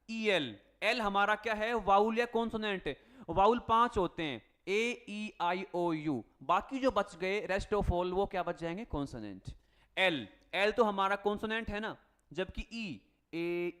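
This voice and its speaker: High-voiced teacher explaining spelling tricks. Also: male voice, animated, measured pace, a bit bright. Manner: asks the class questions and answers them himself; calls students "beta" and "bhai" in a friendly coaching tone. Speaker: English teacher. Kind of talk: Hindi-language spelling lesson for exam students.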